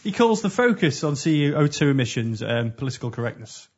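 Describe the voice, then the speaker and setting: A man's voice: mid-range voice, big pitch swings, a little fast, darkish tone, breathy edge. A man co-hosting a podcast in casual comedic chat, reading out quotes with dry asides. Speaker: podcast co-host. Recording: muffled lo-fi podcast audio.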